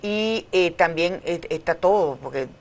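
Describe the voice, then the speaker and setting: A woman's voice: on the low side, animated, a little slow. A middle-aged woman with a Dominican Caribbean Spanish accent, explaining things as an academic guest in a conversational interview.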